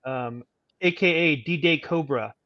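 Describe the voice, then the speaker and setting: A man's voice: on the high side, takes it slowly, no room sound. A man hosting a livestream with casual chat, heard through slightly muffled audio. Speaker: live show host.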